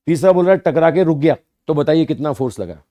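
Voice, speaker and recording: A man's voice: fairly high pitch, fast, mellow. A middle-aged man teaching an online physics class, explaining step by step and repeating key phrases as he talks to his students.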